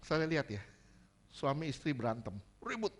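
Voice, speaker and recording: A man delivering a sermon from the pulpit, jumping between teaching and jokes. His voice sits high and has a bright edge. He keeps things animated and playful. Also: normal speed. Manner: joking, animated preaching with laughter. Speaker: pastor.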